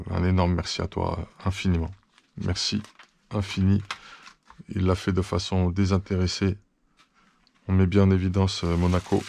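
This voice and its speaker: Man host, deep flat gravelly voice, chatty thankful unboxing talk. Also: no room sound. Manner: chatty, thankful, many fillers and restarts. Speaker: RC hobby channel host. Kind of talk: casual unboxing chat.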